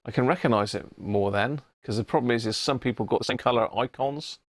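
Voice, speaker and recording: Talking a little fast in a medium-pitched voice, a middle-aged English host chats casually on his radio hobby channel's live stream, rambling and musing aloud during a demonstration. A wireless body-pack microphone records him with no echo.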